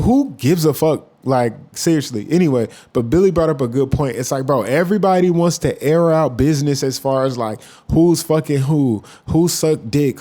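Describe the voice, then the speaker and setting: A man giving casual, profane reaction commentary as a YouTuber, rambling with animated asides. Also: medium pitch.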